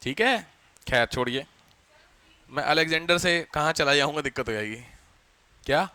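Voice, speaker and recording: A man teaching a class, quizzing his students with quick questions and answering them himself. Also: on the high side, pushed and bright, no room sound. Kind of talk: classroom lecture.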